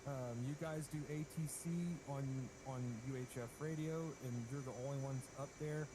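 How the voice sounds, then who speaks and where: A man's voice: medium pitch, fairly even intonation, moderate pace. A man giving a loose flight-mission briefing over voice chat, his audio glitching and cutting out, with frequent ums and restarts. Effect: glitchy voice-chat audio that cuts out. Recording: noisy, glitchy online voice chat.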